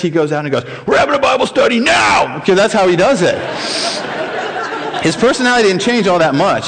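High-voiced pastor telling a story. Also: male voice. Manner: animated retelling with frequent chuckles. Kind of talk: sermon storytelling.

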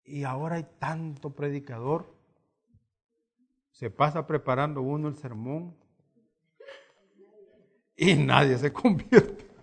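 Animated male preacher, higher voice. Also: slow pace, creaky, pauses often, breathy edge. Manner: animated storytelling with acted quotes. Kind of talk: sermon.

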